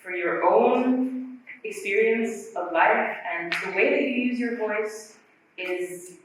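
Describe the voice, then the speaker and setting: A woman's voice: medium pitch, slow pace, recorded from a distance, slight background noise. Woman teaching voice in echoey hall. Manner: explanatory, demonstrates breathy and glottal sounds. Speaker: vocal artist giving a workshop talk. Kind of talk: conference workshop talk with vocal demonstrations. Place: conference hall.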